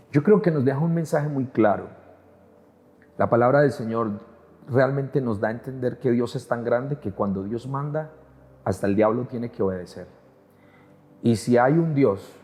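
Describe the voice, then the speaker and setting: A man's voice: mid-range voice, mellow. A male pastor preaching, telling a testimony with earnest, emphatic repetition. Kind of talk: sermon testimony.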